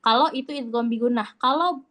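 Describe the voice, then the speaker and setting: In an online class on Quran recitation, a woman patiently walks through the material in a relaxed, chatty manner, voicing letters as examples. Her voice is a little high and a bit bright, and she speaks a little fast.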